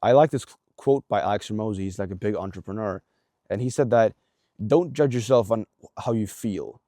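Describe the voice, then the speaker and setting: A self-improvement vlogger, a young man, gives a casual motivational talk straight to the viewer, his fairly low, mellow voice moving at a brisk clip. He's blunt and earnest, swearing heavily and padding gaps with "like" and restarts in a coaching tone. The recording is dry and studio quality.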